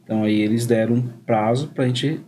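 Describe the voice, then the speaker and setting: A man's voice: mid-range voice, fairly even intonation, fairly quick, dark tone, a little hiss or hum. A man with a Brazilian Portuguese accent, a guest who speaks hesitantly and adds details to his wife's story. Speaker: interview guest, adoptive father. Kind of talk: casual conversation.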